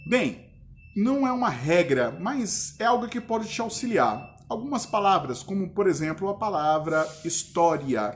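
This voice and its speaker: A man's voice: a little high, a little hiss or hum. A male teacher with a Brazilian Portuguese accent, giving a casual grammar lesson and checking in with his students often. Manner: relaxed, chatty, checks in with the class often.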